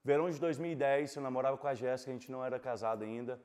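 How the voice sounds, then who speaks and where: A pastor in his forties preaching a sermon with a personal testimony, swinging from loud impassioned preaching to hushed confession. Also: mid-range voice, level tone, rapid-fire. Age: 40s. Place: church sanctuary. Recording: long reverb of a church hall.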